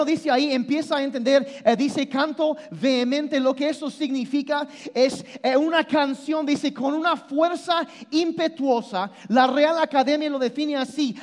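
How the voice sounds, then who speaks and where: A man preaching a sermon, animated and emphatic, often repeating and restarting his words as he explains. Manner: animated, shifts between loud emphasis and low intensity. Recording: long hall reverb.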